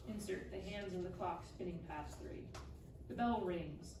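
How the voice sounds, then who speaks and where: A woman with a fairly low voice reads scripted screenplay narration at a live table read, taking her time. She is heard through a distant mic in an echoey room with obvious noise.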